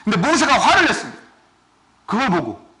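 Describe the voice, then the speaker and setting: A male pastor giving a sermon, asking his congregation questions and swinging between loud and soft. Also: very high-pitched, wildly swooping pitch, fairly quick. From South Korea. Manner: asks the congregation questions often.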